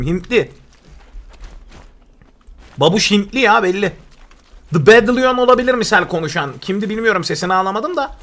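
Young guy streaming a game, kinda high voice, joking around and yelling now and then. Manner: chatty, joking, excitable outbursts. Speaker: gaming streamer. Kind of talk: live gameplay commentary.

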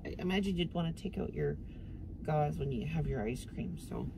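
Soothing low-voiced woman, loud car noise. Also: wildly swooping pitch, normal speed. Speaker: mother looking after her daughter. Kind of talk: casual chat. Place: in and beside a car. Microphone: camera on the dashboard.

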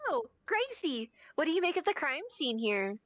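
A woman's voice: high-pitched, very animated, moderate pace, a bit bright, a little hiss or hum. A woman voicing a sweet, cheerful young girl investigator from a game in a sugary customer service voice. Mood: sweetly cheerful. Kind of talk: amateur voiced read-through of a game.

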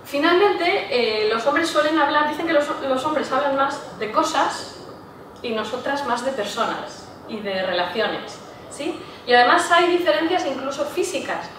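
A woman giving a public talk to a live audience, often checking in with her listeners with a quick "¿sí?". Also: high voice, expressive, a bit bright, slight background noise. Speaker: lecturer. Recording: echoey room, voice from far off.

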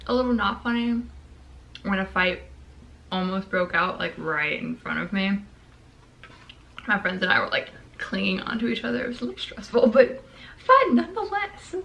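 A young adult woman vlogs from a small indoor bedroom, chatting casually to the camera while eating ice cream. Her mid-range voice is a bit bright and crackly with vocal fry, moving at a moderate pace with lively intonation and frequent pauses. The recording has a lo-fi sound.

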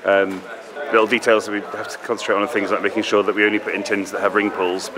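A man in his forties from England, a volunteer explaining his work calmly in a large warehouse. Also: fairly low pitch, fast talker, crowd noise. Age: 40s. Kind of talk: interview.

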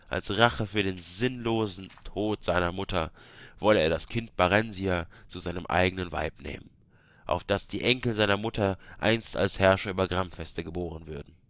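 A man reads a fantasy game book aloud in a low voice. He breaks off now and then to joke with his listeners. The recording is dry and close. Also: a bit bright, no room sound. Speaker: reader of game books. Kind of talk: reading aloud with joking asides.

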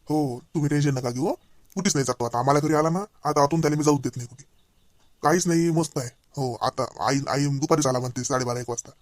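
Fast high-voiced man. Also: no echo. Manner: excitable, agitated, rapid-fire scolding and pleading. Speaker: comedy sketch actor. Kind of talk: comedy sketch acting.

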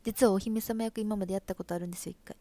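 A woman's voice: mid-range voice, fairly even intonation, rapid-fire, warm tone, dry recording. A young woman from Osaka speaking in Kansai dialect, casually chatting with viewers and reading their comments on a live stream. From Osaka, Japan. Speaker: livestream host and stage actress.

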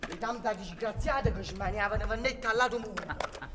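A man's voice: high voice, a little fast, in a large hall, over loud music, close to an everyday voice. A stage actor with a Neapolitan accent playing an uneasy, bewildered man in a live theatre performance. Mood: muttering.

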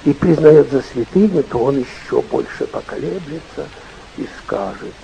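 A man's voice: mid-range voice, animated, moderate pace, creaky, noisy background. An older man, a bishop, preaching in a rambling, repetitive folksy way, heard on an old dictaphone tape recording. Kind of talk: sermon.

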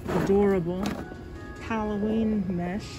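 A woman's voice: mid-range voice, steady tone, slow pace, over music. A woman giving a casual, chatty vlog tour of a store, her voice muffled by a face mask as she walks around filming. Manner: chatty, apologetic, speaking while walking around filming. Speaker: shopper hosting a store tour video. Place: inside a large store. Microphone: handheld phone camera. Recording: noisy store ambience, phone recording.

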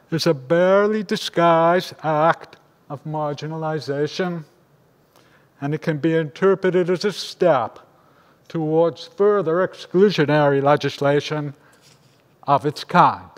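An older man, a rabbi, giving a measured, grave sermon at a lectern microphone in a large synagogue sanctuary. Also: fairly high pitch. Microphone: lectern microphone on a stand. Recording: long reverb of a large hall.

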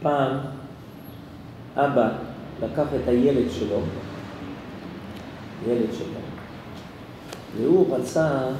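A man's voice: medium pitch, pauses often. Rabbi guy telling a story in class, asks questions, far off, room noise. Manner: animated, asks the listeners questions. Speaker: rabbi teaching a kollel class. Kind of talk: storytelling lesson. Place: synagogue. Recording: echoey synagogue hall, distant mic, noise.

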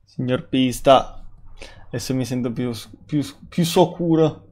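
A man's voice: mid-range voice, measured pace, heavy background noise. A man streaming a game, chatting casually, laughing often and swearing when surprised. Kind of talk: casual gaming stream chat.

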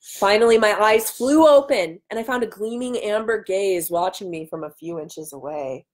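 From a small room at home, a woman in her thirties holds a live book reading mixed with casual chat. Her mid-range voice moves at normal speed and sounds nasal from a cold, captured by a webcam about an arm's length away.

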